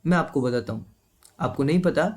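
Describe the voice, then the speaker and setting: A man's voice: medium pitch, expressive, a little fast. A man teaching a live online trading class. He explains step by step and keeps checking with his students.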